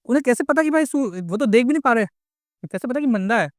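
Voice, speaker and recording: A man's voice: extremely high pitch, animated, quick pace, dry recording, studio quality. A young Indian man giving a casual astrology lecture, mixing English into his speech and asking rhetorical questions. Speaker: astrology teacher.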